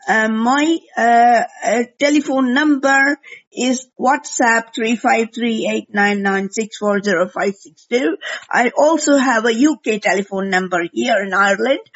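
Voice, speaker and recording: Woman leaving a voicemail over the phone. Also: fairly high pitch. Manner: hesitant, halting, spells out call signs. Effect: heard over a landline phone. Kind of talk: voicemail message. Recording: muffled lo-fi phone line.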